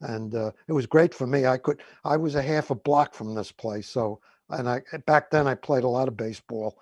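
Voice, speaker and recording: A man's voice: medium pitch, moderate pace, a little mellow, husky, dry recording. An older man in his seventies or beyond with a New York accent, chatting in a rambling, hesitant way as a radio co-host. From Woodhaven, Queens, New York. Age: 70s or older. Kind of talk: casual reminiscing radio chat.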